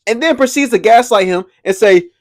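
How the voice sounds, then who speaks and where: Animated slangy young man, dry sound. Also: high voice, brisk, no room sound. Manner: animated, slangy, laughs often. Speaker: commentary video host. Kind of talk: casual pop-culture commentary.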